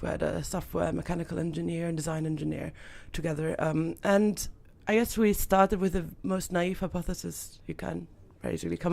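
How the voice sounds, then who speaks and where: A young woman from Austria, talking as a guest on a studio podcast. Her voice has a gravelly, fry-tinged texture, and she speaks thoughtfully with many fillers and restarts. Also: on the low side, darkish tone. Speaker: startup founder guest. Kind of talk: podcast interview.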